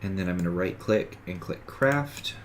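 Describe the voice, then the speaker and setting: His voice sits low and sounds animated at a normal speed, with a little hiss or hum present. Sniffly and congested from a cold, the gaming streamer casually plays a survival game, rambling and correcting himself while narrating each step of the let's-play.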